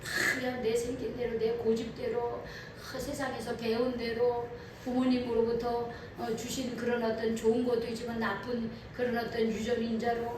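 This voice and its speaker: Animated woman preaching in an echoey hall. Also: a little high, moderate pace, recorded from a distance, noisy background. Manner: animated, asks the congregation questions. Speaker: pastor. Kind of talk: sermon. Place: church sanctuary.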